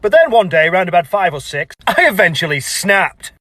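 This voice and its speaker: A man tells a funny story with a high, lively voice that swoops around as he talks. The sound is dry and close to the mic, with no room around it. He is playful and animated throughout. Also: moderate pace, no echo. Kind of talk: comic storytime monologue.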